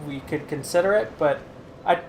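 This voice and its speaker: A man with a fairly high voice explains game mechanics on a let's play, pausing often with ums and uhs. His voice comes through a noisy voice-chat recording. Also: vocal fry. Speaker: guest co-commentator. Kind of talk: casual gameplay chat.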